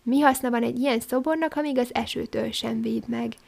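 A woman's voice: fairly high pitch, steady tone, vocal fry, a little mellow. A woman voicing a restless, proud young male swallow who talks bluntly in a storybook reading. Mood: fussy. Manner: chatty and blunt.

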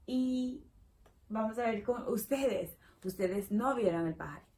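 A woman teaching English in Spanish, patient and repetitive, slowing down to model each phrase and breaking into sudden excited exclamations. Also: fairly high pitch. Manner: drawn-out slow model phrases. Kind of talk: playful online English lesson in Spanish.

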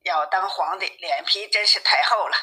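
A woman voicing a timid fisherman who pleads gently with his wife in a storybook reading. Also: on the low side, moderate pace, breathy edge. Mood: meek. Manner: meek, pleading. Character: timid, fearful old fisherman husband.

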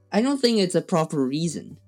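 Halting, opinionated young male podcaster. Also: high voice, a little mellow. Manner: filler-heavy, halting, opinionated. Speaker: podcast co-host. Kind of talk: casual chat.

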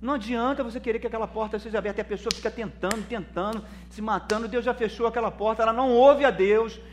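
A man with a Brazilian Portuguese accent preaching a sermon as pastor, swinging between loud emphasis and soft, calling listeners brother. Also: sits high, fairly even intonation, quick pace, slight background noise.

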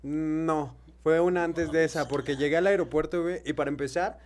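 Young Mexican man, slightly high voice. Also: steady tone, brisk, slight background noise. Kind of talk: casual chat.

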